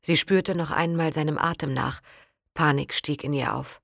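Brief: woman audiobook narrator, low voice, dry close sound, measured dramatic reading. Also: fairly even intonation, vocal fry, no room sound.

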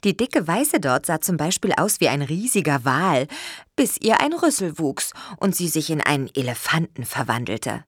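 A woman reading a children's storybook aloud in a gentle, expressive way. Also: low voice, moderate pace, breathy edge, no echo, studio quality. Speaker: narrator.

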